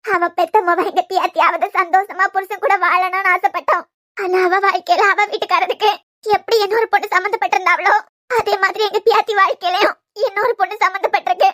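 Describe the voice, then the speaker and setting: A woman voicing a loving, worried old grandmother in a cartoon serial, speaking softly in a Kanyakumari Tamil accent. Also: very high-pitched, steady tone, fast talker. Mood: fearful. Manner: soft, coaxing, affectionate.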